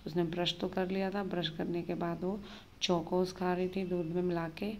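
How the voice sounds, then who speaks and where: A woman in her thirties, a mother, narrating her busy morning in a casual daily vlog, chatty and hurried. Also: on the low side, level tone, darkish tone, a little hiss or hum. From Uttarakhand, India. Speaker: vlogger, mother of two.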